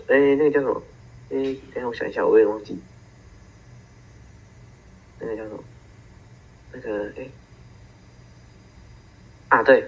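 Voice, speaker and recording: A Taiwanese teen boy with a mid-range, slightly rough voice co-hosts a casual podcast chat, trading stories and teasing his friend. The sound is muffled, from a single-track home recording.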